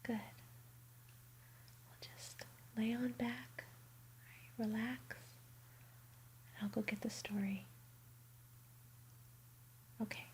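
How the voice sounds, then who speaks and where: A woman doing a bedtime ASMR roleplay in a soft, soothing whisper. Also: fairly high pitch, steady tone, drawn-out words, long pauses, poor audio.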